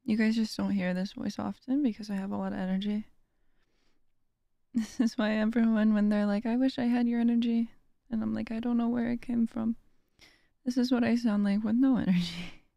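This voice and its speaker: A young woman streamer chatting casually while drawing, tired and low on energy, soft-spoken and trailing off with small laughs. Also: little pitch movement, normal speed, creaky, no echo.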